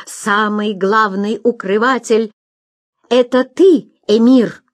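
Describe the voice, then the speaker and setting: A woman's voice: fairly high pitch, expressive, unhurried, no echo, clean studio sound. Woman voicing a bold defiant wanderer. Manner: loud ringing proclamations.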